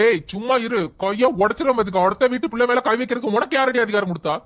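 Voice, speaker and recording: A woman's voice: on the high side, quick pace, close to an everyday voice. A woman voicing a strict, commanding middle-aged father in a family skit. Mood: stern. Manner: commanding, stern.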